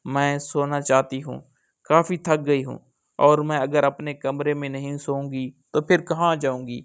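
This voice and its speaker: A man voicing a tired young wife who pleads for rest, in a gravelly voice. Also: on the high side, flat delivery, close to an everyday voice. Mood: pleading.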